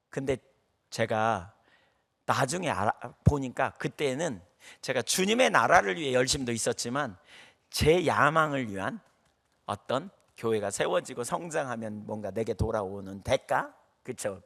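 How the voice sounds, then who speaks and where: A man's voice: mid-range voice, vocal fry, fairly bright tone. A middle-aged male pastor preaching a sermon, telling stories animatedly and acting out the voices of the people he counsels.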